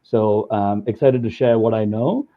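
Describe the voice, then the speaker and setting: A man's voice: lowish voice, measured pace. A man from India giving a conversational webinar talk over slides, with many fillers. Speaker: guest speaker. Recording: tinny phone-like call audio.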